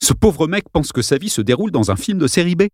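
A man's voice: a little high, sing-song, quick pace, a little mellow, dry recording, clean studio sound, voice pushed up. A man voicing a young boy's wry, worried thoughts. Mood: wry worry. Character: anxious young boy, wry in his thoughts.

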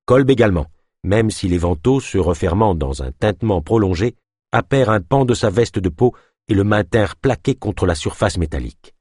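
Audiobook narrator, male: low, husky, very expressive, dry close mic. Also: moderate pace, dry recording.

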